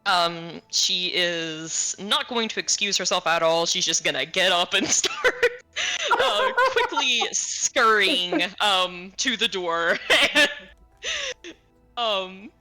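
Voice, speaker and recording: A woman's voice: on the low side, expressive, takes it slowly, pushed and bright, faint music behind. A woman casually narrating her character's actions as a tabletop player, giggly and hesitant.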